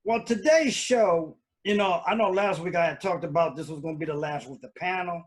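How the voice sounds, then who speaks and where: A man with a slightly higher voice hosts a casual live stream from home. He rambles along loosely, full of fillers and restarts, talking into a computer mic. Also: brisk. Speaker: host.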